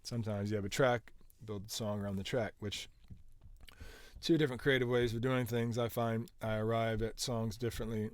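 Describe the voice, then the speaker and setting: A man's voice: lowish voice, steady tone, normal speed. A man casually walking through how he produced a song, rambling with lots of filler words and restarts. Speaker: music producer.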